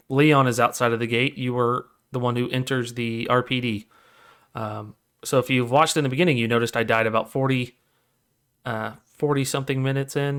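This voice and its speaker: A man's voice: medium pitch, a bit bright, clean tone. Easygoing man rambling on a podcast. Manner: easygoing, rambling with fillers and restarts. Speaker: podcast co-host. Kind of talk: casual chat.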